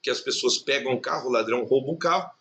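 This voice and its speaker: A man's voice: mid-range voice, fast, a bit bright, a little hiss or hum. Guy teaching an exam review, step by step, keeps saying "tá?". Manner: explains step by step, keeps checking in with "tá?". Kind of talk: recorded exam review lesson.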